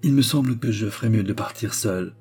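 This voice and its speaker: A man's voice: lowish voice, quick pace, dark tone, husky. A man voicing a young noble grand duchess, earnest and anxious, speaking with a raised, emotional voice. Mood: composed.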